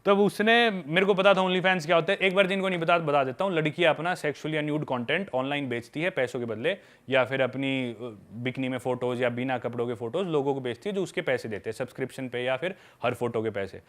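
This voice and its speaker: A man's voice: mid-range voice, fast talker, few pauses, a bit bright. A young man chatting casually on a podcast, telling candid travel stories and addressing the listener as a buddy. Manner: candid storytelling, calls listeners "bhai".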